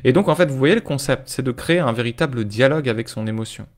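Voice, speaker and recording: A man's voice: medium pitch, lively intonation, fast. A male life coach giving a live-streamed talk, speaking informally to viewers and checking in with them often.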